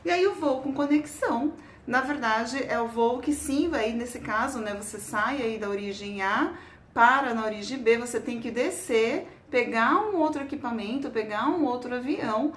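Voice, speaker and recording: A Brazilian woman with a Brazilian Portuguese accent, explaining travel tips to camera in a casual, chatty way. She tacks a quick question onto nearly every phrase and repeats words while she looks for the next one. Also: on the high side, slight background noise. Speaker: travel vlogger. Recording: roomy echo.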